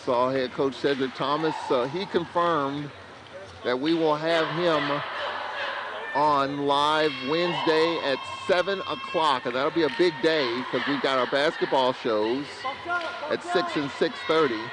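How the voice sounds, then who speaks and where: A man calling college basketball play-by-play, bursting into excited calls on big plays. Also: a little high, measured pace. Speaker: play-by-play announcer. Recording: crowd and arena noise behind.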